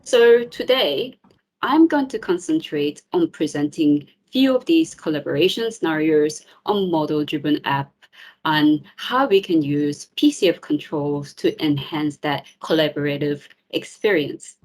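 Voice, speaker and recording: A woman's voice: low voice, animated, unhurried, darkish tone. A woman in her thirties, born in South Korea and raised in New Zealand, gives a friendly, upbeat tech talk at an online community meetup, with the odd um. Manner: friendly, upbeat, with filler ums. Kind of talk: presentation talk.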